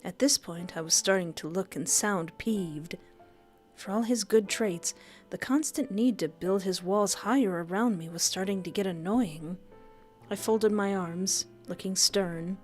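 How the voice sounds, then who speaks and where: A woman streamer reading a visual novel aloud on a livestream, playful and quick to laugh between the story's lines. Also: medium pitch, faint music behind. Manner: lively, playful, laughs often.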